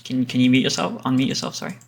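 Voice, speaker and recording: A man's voice: medium pitch, monotone, rapid-fire. A man casually moderating an online event as its host, speaking on a video call.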